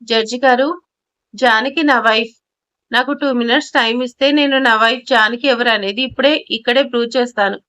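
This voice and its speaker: A woman voicing a determined young husband who speaks calmly and with assurance before the judge. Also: a little high, moderate pace, lightly acted. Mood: assured.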